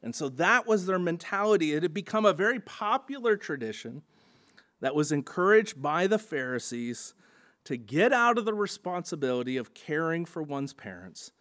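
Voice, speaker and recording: Male pastor, sermon delivery, slightly higher voice, earnest teaching tone with "and so" links and "uh" pauses. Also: sing-song, a bit bright.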